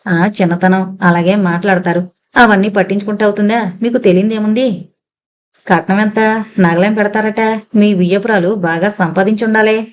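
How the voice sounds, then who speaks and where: A woman voicing a practical, sharp-tongued middle-aged mother who answers briskly and curtly. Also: medium pitch, steady tone, close to an everyday voice.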